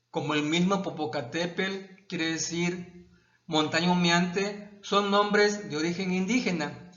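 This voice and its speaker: A male Mexican history teacher explaining a textbook lesson to his students, pausing and restarting his phrases. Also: on the high side, fairly bright tone. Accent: Mexican Spanish. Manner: halting, repeats words and restarts, addresses students as "jóvenes". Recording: echoey, dull lo-fi room sound.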